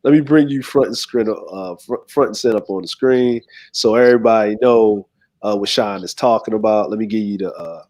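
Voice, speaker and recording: A man's voice: on the low side, a little fast, darkish tone. A man hosting a livestream, chatting casually in a rambling, easygoing way with many fillers. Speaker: livestream host.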